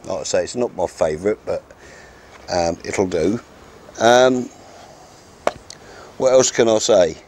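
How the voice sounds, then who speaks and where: A man in his sixties teaches fishing in a casual outdoor demonstration, standing by a wooden fence in a garden. His fairly low, slightly mellow voice moves a little slowly with long pauses, and his short step-by-step instructions are plain and frank. A little hiss or hum is audible.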